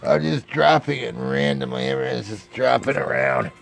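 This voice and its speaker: A man's voice: medium pitch, lively intonation, normal speed, gravelly. A man playfully narrating a casual home video of his young child at home, teasing and chatty. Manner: playful, teasing running commentary. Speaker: parent filming his child.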